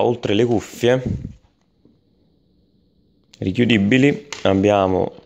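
A man's voice: sits low, gravelly, darkish tone. A man giving an unscripted product review voice-over, hesitant, with many fillers and restarts.

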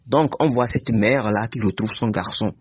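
A man presenting a book in a literary discussion, measured and explanatory. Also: on the low side, slightly rough, no room sound. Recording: dull lo-fi recording.

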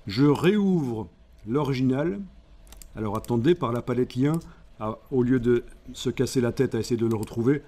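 A man speaking, explaining a software tutorial step by step and thinking aloud as he works. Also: medium pitch, moderate pace. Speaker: software instructor. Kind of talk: screen-recorded software tutorial.

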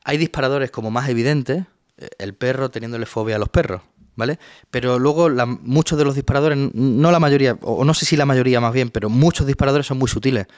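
Man explaining calmly, dry sound. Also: medium pitch, fast talker, no room sound. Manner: explains patiently, often checks in with ¿vale?. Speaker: psychologist guest. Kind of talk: explanatory webinar talk.

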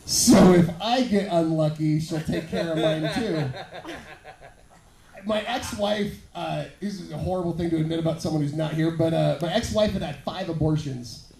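A man does leering, smutty stand-up in a fairly high voice with a gravelly fry. He talks casually and swears freely into a handheld stage mic. The room is echoey, with an audience audible around him. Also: normal speed, warm tone. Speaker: stand-up comedian. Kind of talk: stand-up comedy, conversational and profane. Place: small bar or club stage at night. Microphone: handheld stage microphone through PA, filmed from the audience.

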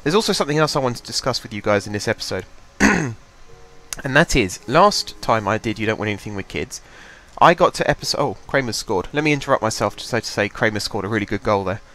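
Stuffed up with a head cold, a young gaming channel host commentates his own game from a home desk mic, chatting loosely and thinking aloud as he goes. His voice is fairly low, with lively intonation, a quick pace, and a bright, forceful tone.

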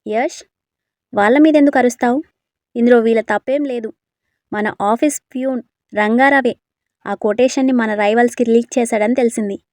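A woman voicing a level-headed male friend who reassures and explains patiently in a storybook tale. The voice is slightly high and dry. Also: normal speed, pauses often, darkish tone, dry recording, lightly acted. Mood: explaining. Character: calm loyal male friend and business partner.

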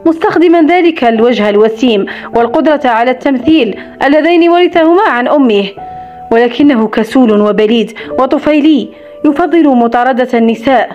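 A woman's voice: sits high, brisk, close to an everyday voice. A woman voicing a blunt, protective grown man in an audiobook romance, reading his lines expressively. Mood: scornful. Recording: slightly dull recording with soft music.

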